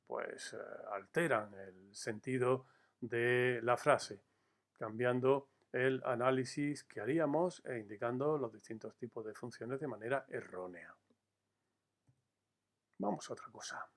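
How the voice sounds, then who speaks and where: A man delivers a recorded grammar lesson in a voice of ordinary pitch. He explains patiently, dwelling on key words and speaking straight to his students, with the odd "eh" between phrases. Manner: measured, explanatory, stresses key words slowly; addresses students directly with frequent "eh" fillers. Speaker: teacher.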